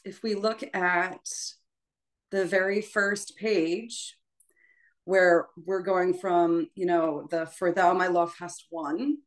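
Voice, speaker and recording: Speaking slowly and with a steady tone, a woman with a fairly low voice leads a choral workshop. As the music teacher, she explains informally and keeps checking in with the group.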